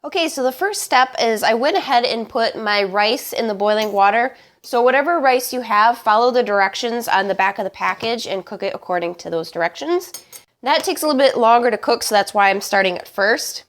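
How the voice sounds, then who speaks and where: A woman's voice: a little high, fairly quick, fairly bright tone. Congested, honking woman hosting a cooking show. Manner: chatty, emphatic, informal. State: congested, honking voice from getting over bronchitis. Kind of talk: casual recipe demonstration to camera.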